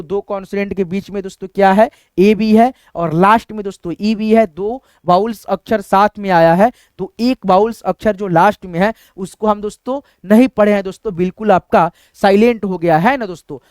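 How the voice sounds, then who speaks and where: A man's voice: high-pitched, darkish tone, clear, resonant tone, no room sound, studio quality. A male teacher giving a step-by-step phonics lesson, asking questions and answering them himself and checking in with his students often. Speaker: English teacher.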